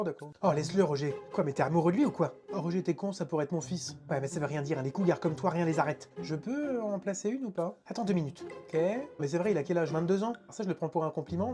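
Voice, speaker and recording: A woman acting out a bickering comedy sketch, trading quick jabs between characters. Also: lowish voice. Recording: music playing behind.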